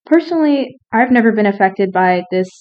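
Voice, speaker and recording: A woman's voice: medium pitch, animated, fairly quick, lo-fi sound. A young woman co-hosting a podcast, playful and teasing, who laughs often and talks through a retainer. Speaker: podcast co-host. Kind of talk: casual podcast chat.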